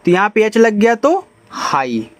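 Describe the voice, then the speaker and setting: A man teaching English phonics in Hindi, spelling out letters slowly and asking his students questions as he explains each step. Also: high-pitched, sing-song, a bit bright. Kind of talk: spoken phonics lesson.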